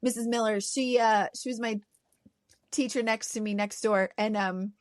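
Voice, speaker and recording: A woman's voice: fairly high pitch, steady tone, normal speed, no room sound, studio quality. A woman co-hosting a podcast in casual chat, a former teacher who laughs often and acts out quotes as she tells stories.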